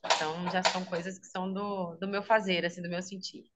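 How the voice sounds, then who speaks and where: Heavy background noise surrounds a woman with a lowish, fairly flat voice who talks briskly. She's a Brazilian speech therapist and health teacher from Minas Gerais, with the region's accent, describing her work in a relaxed video-call interview, frequently saying "né?" and laughing easily.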